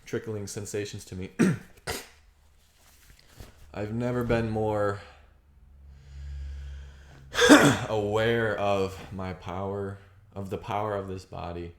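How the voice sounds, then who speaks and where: Low-voiced guy musing out loud, halting, swears a lot, echoey sound. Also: steady tone. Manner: rambling, halting, with frequent throat clearing and laughs; swears casually. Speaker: vlogger. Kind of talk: reflective personal monologue. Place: outdoors on a property.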